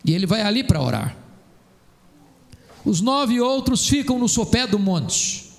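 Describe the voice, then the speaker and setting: Man, Brazilian Portuguese accent, preacher, sermon, high voice, rough fry, emphatic. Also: very animated, measured pace. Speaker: pastor. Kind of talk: sermon with scripture reading. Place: church.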